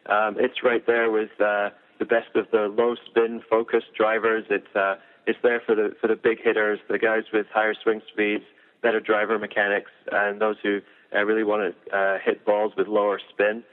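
Low-voiced man explaining golf tech. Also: completely flat delivery. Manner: measured, detailed, frequent "uh" fillers. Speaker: golf equipment engineer. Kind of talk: technical explanation in an interview. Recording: tinny phone-like audio.

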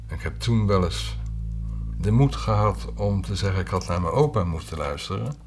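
A former orchestra conductor, a man, telling his own story in a halting, reflective way with pauses and filler sounds. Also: low voice, animated, a little mellow, faint music behind. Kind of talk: personal storytelling interview.

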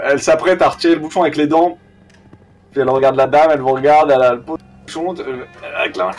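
A man with a Southern French accent narrates a tabletop game as game master, halting and often clearing his throat. He sounds set back from the mic, with faint music playing. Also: mid-range voice, recorded from a distance. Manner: halting, many fillers and restarts, clears throat.

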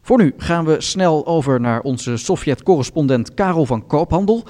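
A man hosting a satirical radio news show, reading items in a calm, formal deadpan. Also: fairly high pitch, moderate pace, in a large hall. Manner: calm, formal newsreader delivery.

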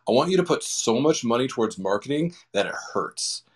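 A man's voice: mid-range voice, lively intonation, brisk, slightly rough. A man moderating an audio roundtable, enthusiastically thanking people and passing questions to the panelists. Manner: enthusiastic, affirming, hands off questions.

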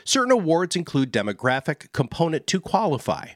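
A man reading a long, scripted legal disclaimer in a steady, formal way. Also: fairly high pitch, fairly quick, no echo, clean studio sound. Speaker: disclaimer announcer.

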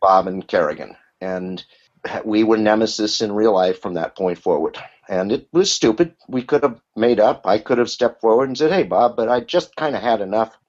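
A middle-aged or older man who works as a voice actor appears as a guest in a casual interview, telling candid, rambling stories full of restarts. His voice is lowish, animated, and a little mellow at a moderate pace, and the audio is muffled and lo-fi.

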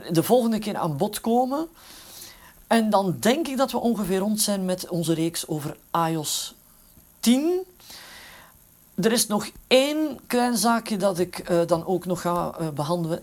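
A man hosting a podcast tutorial, patiently explaining each step as he demonstrates it. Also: sits high. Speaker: podcast host. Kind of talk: casual spoken tutorial.

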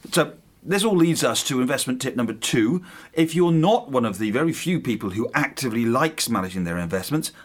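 A man with a medium-pitched voice talks as a podcast host. He explains things step by step in a conversational style, as if giving practical tips.

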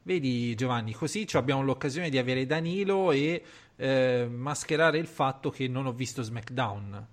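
A male podcast host chatting casually at a middle pitch. He speaks colloquially, like someone among friends, and slips into crude jokes. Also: normal speed, hardly any pauses. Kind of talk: casual chat.

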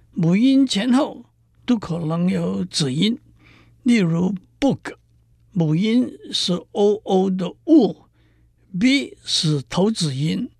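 A man giving an explanatory lecture on poetry, slow and deliberate, spelling out examples syllable by syllable. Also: high-pitched, vocal fry, no room sound, clean studio sound.

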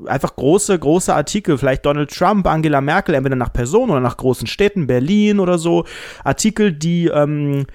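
A man's voice: on the high side, animated, a little fast, darkish tone, no room sound, clean studio sound. A man co-hosting a podcast in casual chat, speaking ironically and addressing listeners in a mock-formal way. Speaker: podcast co-host.

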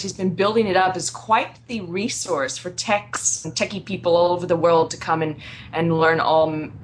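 A woman's voice: fairly low pitch, slight background noise. A woman with an American accent co-hosting a podcast in casual, chatty talk that often breaks into laughs. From United States. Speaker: podcast co-host.

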